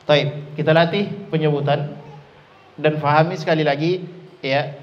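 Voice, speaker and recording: Slow-paced male Quran teacher. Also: on the high side, steady tone, muffled recording. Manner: slow, drills letter sounds for students to repeat. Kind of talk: tajwid lesson.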